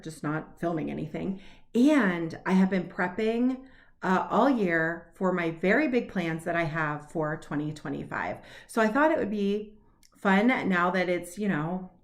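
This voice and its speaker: A woman in her late forties chatting casually to camera about her cross stitch plans, upbeat and laughing at herself. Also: medium pitch. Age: 40s.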